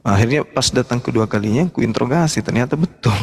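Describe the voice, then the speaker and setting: A man's voice: medium pitch, fast talker, gravelly, darkish tone, slightly rough, long reverb tail. A man hosting a live-streamed religious discussion, talking bluntly and with mockery. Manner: blunt, mocking. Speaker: host.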